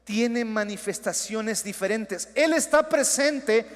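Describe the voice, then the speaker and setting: A man preaching a sermon as pastor, with emphatic lines that swing between loud declarations and hushed asides. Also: high-pitched, animated, slow. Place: church sanctuary. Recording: long hall reverb.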